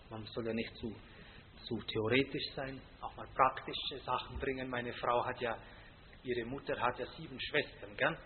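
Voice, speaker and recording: A man preaching a sermon, loud and emphatic on scripture, dropping quiet for stories, often ending with a tag question. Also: medium pitch, a little hiss or hum. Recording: tinny phone-like sound with long reverb from a hall.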